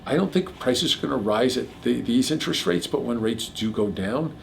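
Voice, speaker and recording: A middle-aged man hosting a casual chat about mortgages, explaining figures quickly with a jokey manner. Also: medium pitch, lively intonation, vocal fry, slight background noise. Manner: rapid, jokey, piles on figures. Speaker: mortgage broker host.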